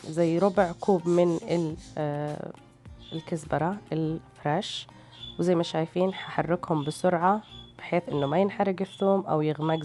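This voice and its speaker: A tired woman hosts a cooking segment, narrating recipes casually and hesitantly. Her low, dark voice sounds strained and weary, with music playing in the background.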